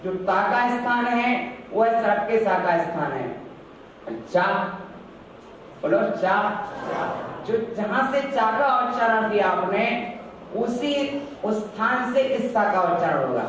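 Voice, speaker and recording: A man, a monk, chants verses slowly and teaches a group how to pronounce each syllable, repeating the sounds for them. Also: sits high, lively intonation, fairly bright tone, slight background noise. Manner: slow, drawn-out chanting of verses; instructive, repeats syllables for the class. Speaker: Jain monk teaching a prayer recitation. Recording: echoey distant hall, dull lo-fi.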